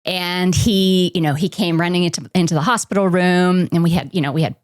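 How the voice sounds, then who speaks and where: Podcast guest, woman, middle-aged, slightly low voice, reflective and halting, dry close mic. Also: fairly even intonation, no room sound. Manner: reflective, halting, many fillers. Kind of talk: personal storytelling in an interview.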